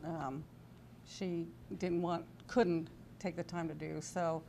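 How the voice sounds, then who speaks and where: Seated at a desk in a TV studio, a woman in her sixties from California talks through memories in a casual, halting way, an American accent in her speech. A lapel mic captures her fairly low, gravelly, mellow voice, which barely changes pitch and moves slowly. There's slight background noise.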